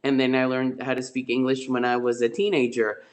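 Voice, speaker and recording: Speaking a little fast in a mid-range voice with little pitch movement, a middle-aged man who grew up in Spain shares tales from his real estate career on a webinar. His storytelling over the video call wanders, full of fillers and false starts.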